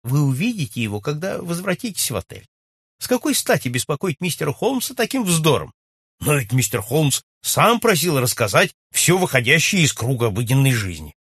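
A man reading aloud and voicing a fussy male doctor who brushes off a worry in a husky voice. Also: fairly high pitch, big pitch swings, moderate pace, fairly bright tone, dry recording, studio quality, pitched above the performer's own voice, exaggerated voice.

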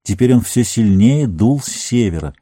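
A man reading a fantasy novel aloud as an audiobook narrator, measured and slowing on grim passages. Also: medium pitch, animated, mellow, no echo, studio quality.

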